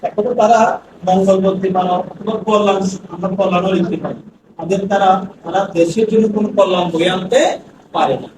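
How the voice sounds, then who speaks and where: In this classroom lesson, a male English lecturer from Bangladesh keeps posing the same question for a chorus of student answers and reads each English sentence slowly. He speaks with a high pitch and fairly even intonation, captured from far away amid noise and echo.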